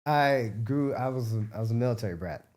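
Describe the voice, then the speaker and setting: With a medium-pitched, darkish voice, lively intonation and a fairly quick pace, a Midwestern American man responds to interview questions. He's a biomedical researcher and entrepreneur appearing as a guest, and his casual answers tend to ramble.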